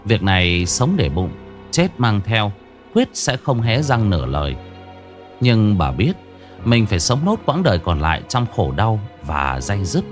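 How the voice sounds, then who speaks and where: Expressive male ghost-story narrator. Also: lowish voice, measured pace, soft background music.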